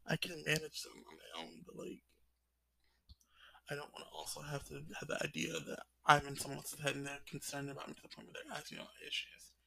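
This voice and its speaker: A man's voice: a little high, flat delivery, brisk, creaky, pushed and bright. A twenty-year-old man talking in a confessional vlog, rambling with lots of "like" fillers and sighs. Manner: rambling, full of "like" fillers, sighing. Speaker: vlogger.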